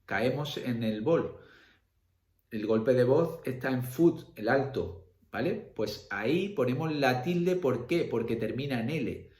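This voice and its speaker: A man's voice: mid-range voice, lively intonation, slow, a little mellow. Andalusian man explaining a lesson in an echoey room. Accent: Andalusian Spanish. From Spain. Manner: explanatory, many fillers and checks for understanding. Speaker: secondary school language teacher. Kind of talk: classroom lecture video.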